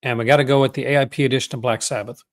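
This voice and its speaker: He talks very fast in a mid-range, steady voice. A movie-collecting vlogger from Newfoundland, Canada, he carries a Newfoundland accent and keeps things casual, off the cuff, folksy and enthusiastic.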